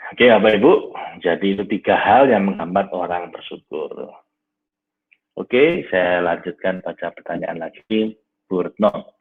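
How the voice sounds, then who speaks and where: This low, husky-voiced man runs a live online class with listener questions, his speech a little slow and heard through a tinny phone-like line. He lectures warmly and conversationally, frequently using "Nah" and speaking to "Bapak Ibu".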